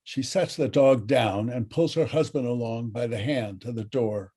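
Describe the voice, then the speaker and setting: A man reads out the stage directions of a script in a dry, matter-of-fact voice. His voice is mellow and warm, in a middle pitch. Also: normal speed, slightly rough. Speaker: narrator.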